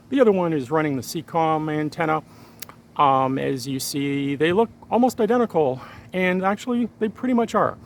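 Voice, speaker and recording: A hobbyist who runs a radio and satellite tech vlog gives a casual hands-on demonstration, walking viewers through technical steps in plain, informal terms. His voice is a little high, with a slight hiss or hum in the audio.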